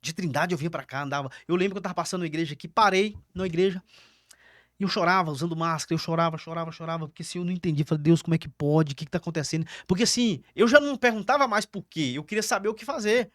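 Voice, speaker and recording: A middle-aged man with a Brazilian Portuguese accent tells a gripping personal testimony in a rapid, slightly raised voice. He dramatizes every exchange, repeating words as he goes, and the sound is dry and close. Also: sits high, a bit bright, dry recording. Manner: dramatic storyteller, repeats words, acts out dialogue. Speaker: pastor, podcast guest.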